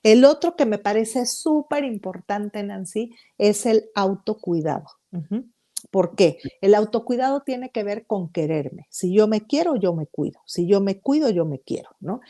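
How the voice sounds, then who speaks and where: Mellow-voiced Mexican woman, upbeat psychologist. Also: mid-range voice, expressive, unhurried. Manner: upbeat, emphatic, explains point by point. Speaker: psychologist guest. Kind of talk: podcast interview.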